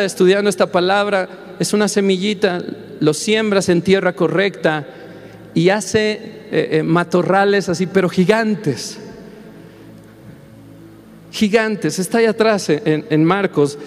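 A man preaching a sermon as pastor, impassioned and building to shouts. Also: high-pitched. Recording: long hall reverb, faint music behind.

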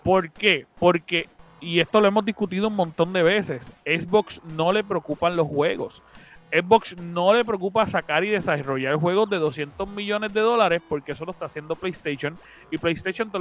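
A man's voice: high voice, a bit bright. A man with a Puerto Rican accent debating casually as a podcast panelist, blunt and argumentative. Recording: music behind the voice.

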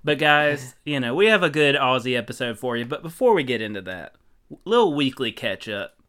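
A man co-hosting a film podcast in a casual, jokey chat. His voice is smooth and clear, and he sits at a middle pitch for a man. He sounds upbeat as he reads through the week's movie news. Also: very animated, fairly quick, a bit bright. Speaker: podcast co-host.

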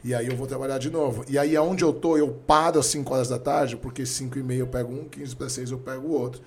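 A Brazilian man in his thirties in casual conversation, telling lively stories about his family. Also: mid-range voice. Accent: Brazilian Portuguese. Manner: fast, animated storyteller.

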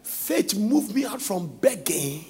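Male preacher, high and lively, gravelly, delivering a shouted, singsong sermon in a long-reverb church. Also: slow.

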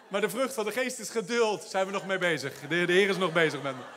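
A man preaching a lively sermon, retelling a story with quick asides and laughs, then building to loud exhortation. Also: sits high, a little hiss or hum. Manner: animated preaching with laughs and English phrases. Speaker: pastor.

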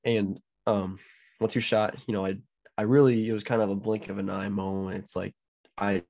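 Man, co-host, lowish voice, chatty and hedging, lots of "you know.". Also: flat delivery, moderate pace, creaky, a little mellow. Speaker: podcast co-host. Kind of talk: casual storytelling.

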